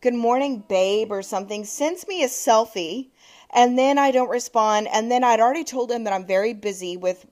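Animated woman telling a dating story. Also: mid-range voice. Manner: animated, swearing, quoting texts. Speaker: podcast co-host. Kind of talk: casual chat, storytelling.

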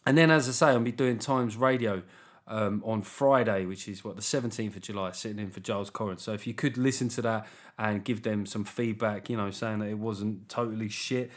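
Sarcastic comedian rambling solo. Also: male voice, fairly low pitch, fairly even intonation, fairly quick. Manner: sarcastic, rambling, self-mocking. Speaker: comedian and podcast host. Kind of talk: solo comic podcast monologue.

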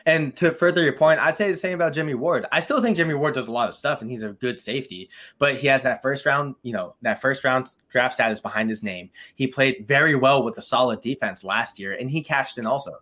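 A man with a bright, tense tone talks casually about football on a podcast. He is conversational and quick to chime in with agreement. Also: medium pitch. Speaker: podcast co-host. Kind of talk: casual sports chat.

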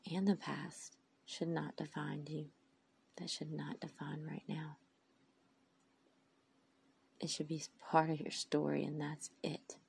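A faith vlogger delivers an inspirational monologue, sounding tired and tearful in a low, gravelly voice. She rambles emphatically to encourage her listeners, her tone staying flat and mellow over faint background noise.

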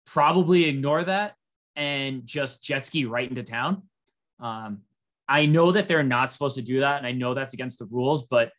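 A chatty podcast co-host with a mid-range voice casually recaps a reality show. He rambles and leans heavily on fillers, getting animated whenever he quotes something.

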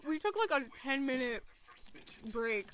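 A high, bright woman's voice with a Michigan accent, giggling through casual podcast banter. Her pitch leaps around a lot as she talks. There is a faint hiss behind her on a home recording. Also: measured pace. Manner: giggly, excitable, laughs often. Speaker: podcast co-host. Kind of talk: casual chat.

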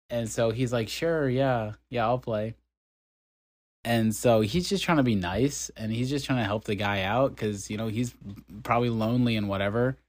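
A young man casually telling a long story on a podcast, acting out the voices of the people in it. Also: medium pitch. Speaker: podcast co-host.

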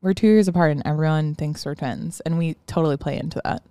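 Lower-voiced woman podcast co-host in her twenties. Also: quick pace, warm tone, smooth, dry recording. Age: 20s. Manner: chatty, many "like" fillers. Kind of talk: casual chat. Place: podcast studio.

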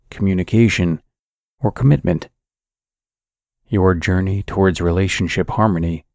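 A man narrating a scripted guided sleep meditation in a calm, soothing, measured sleep-story manner. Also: low voice, gravelly, no room sound, studio quality.

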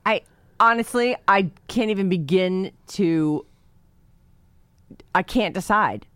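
A woman's voice: mid-range voice, slow pace, a bit bright, clean tone, dry recording. A woman reading a letter aloud in casual chat, adding sarcastic asides. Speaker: host reading a listener letter.

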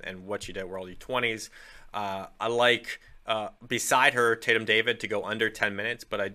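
A man co-hosting a track podcast, breaking down races in loose, thinking-aloud talk. His voice sits low but has a very bright, forceful edge. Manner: filler-heavy, thinks aloud with restarts. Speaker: podcast co-host, running analyst. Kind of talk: casual sports podcast analysis.

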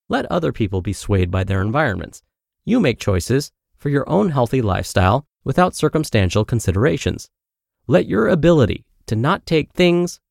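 A man hosting a podcast, reading a blog post aloud in a steady, clear way and then adding his own commentary with light self-aware humor. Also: medium pitch, no echo, studio quality. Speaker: podcast host.

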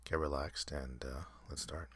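Very deep husky whispering man. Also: steady tone, dry recording. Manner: soft, halting, many fillers. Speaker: ASMR host. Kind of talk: whispered guided meditation.

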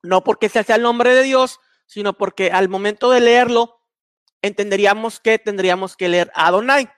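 A man's voice: sits high, normal speed, a bit bright, clean tone, no room sound. A man explaining slides as a Bible teacher, methodical, with frequent fillers and restarts. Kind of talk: explaining slides in a recorded lesson.

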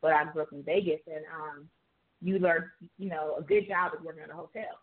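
A woman from Jamaica with a lowish voice talks earnestly in casual conversation, full of "like" and "you know." The sound is thin and tinny, like a phone line. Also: steady tone, fairly quick. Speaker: author and guest.

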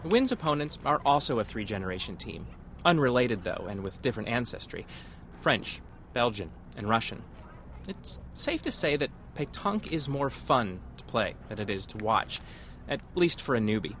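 A man's voice: mid-range voice, sing-song, moderate pace, fairly bright tone, slight background noise. A man reporting for public radio, moving between scripted feature narration and field interviews.

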